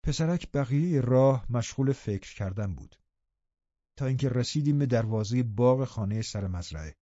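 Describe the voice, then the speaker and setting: A man reading an audiobook in a calm, measured narration. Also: medium pitch, dry recording, highs cut off. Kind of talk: scripted narration.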